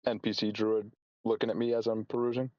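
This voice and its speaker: A man chatting casually as a player in a tabletop role-playing game, haltingly talking through his plans. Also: lowish voice, level tone, a little mellow, lo-fi sound. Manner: halting, repeats and reformulates as he plans.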